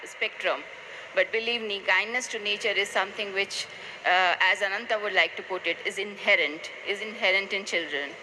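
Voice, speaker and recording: A woman's voice: medium pitch, pushed and bright. Woman, scientist panelist, hesitant, lots of fillers, noisy live recording. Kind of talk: self-introduction on a panel.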